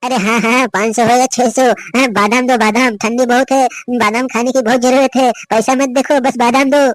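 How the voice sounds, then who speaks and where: A man's voice: extremely high pitch, fairly even intonation, normal speed, no room sound, poor audio. A man voicing a tired young nut seller in a cartoon, complaining and exasperated. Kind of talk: Hindi cartoon voice acting.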